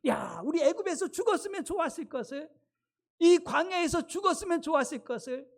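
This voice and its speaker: A woman's voice: extremely high pitch, lively intonation, fairly quick, voice pushed up. A woman preacher voicing an angry crowd of wanderers who blame their leader, in a raised, accusing whine. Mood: bitter.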